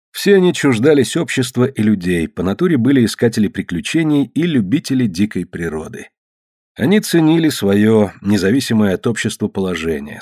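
Expressive male audiobook narrator, dry sound. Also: mid-range voice, no echo. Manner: measured, dramatic reading with slowed emphasis.

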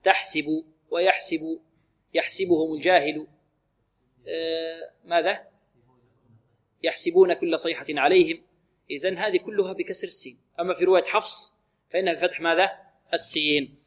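A man's voice: on the high side, fairly even intonation. Man teaching Quran recitation. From Libya. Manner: asks questions and answers them himself; repeats words slowly to model pronunciation. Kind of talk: tajweed lesson with recited examples.

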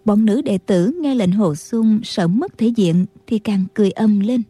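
A woman narrating a martial arts novel as an audiobook reader, in steady storytelling. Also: mid-range voice, unhurried, slightly rough, no echo. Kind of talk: scripted narration.

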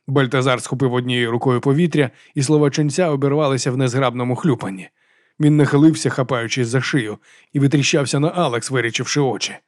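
Male audiobook narrator, fast delivery, dry close studio sound. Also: medium pitch, no echo. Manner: brisk, steady storytelling. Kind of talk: scripted narration of a dark fantasy novel.

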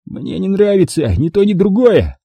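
A rough, coarse ex-diver thug, played by a male reader with a husky, dark voice pushed well above the reader's natural pitch. He barks crude threats and begs in a lively up-and-down delivery, recorded dry and close. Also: normal speed, no room sound, full character voice. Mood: pleading. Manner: coarse, snarling, then pleading.

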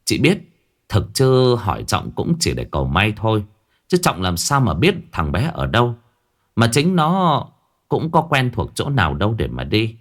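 Man, horror story narration, low voice, lively intonation, expressive colloquial telling. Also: moderate pace.

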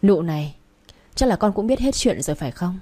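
A stern older matriarch lays down rules to her daughter-in-law in a firm, coolly threatening way, as a woman reads her lines. The voice is low and mellow. It is a narrated storybook part. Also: animated, fairly quick, husky.

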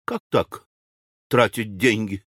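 A male audiobook reader voicing a fussy, anxious older widow who talks in a shrill, excitable way. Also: a little slow, no room sound, studio quality. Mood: agitated. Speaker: audiobook character. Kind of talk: audiobook character reading.

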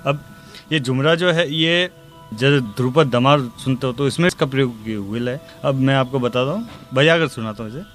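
A man teaching tabla in a spoken music lesson, calmly explaining rhythm cycles and slowly reciting the drum syllables. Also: mid-range voice. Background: tabla playing.

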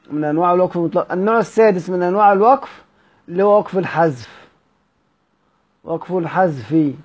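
A man's voice: sits high, darkish tone. A man with an Egyptian Arabic accent teaching recitation rules, repeating key words and quizzing his listeners with questions.

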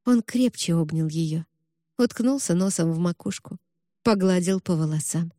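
A woman reading a novel aloud with an expressive, emotional delivery. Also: on the low side, normal speed, no room sound, studio quality. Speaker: narrator. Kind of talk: audiobook narration.

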